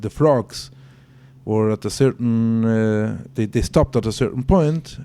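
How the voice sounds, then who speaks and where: A man explaining as a podcast guest, halting with many restarts and fillers, who speaks natively. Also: lowish voice, warm tone. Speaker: guest teacher.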